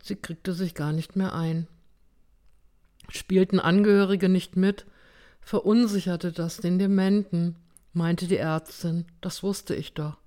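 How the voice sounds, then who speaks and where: A woman narrating a story in the first person, reading with a measured, even delivery. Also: on the low side. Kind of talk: audiobook reading.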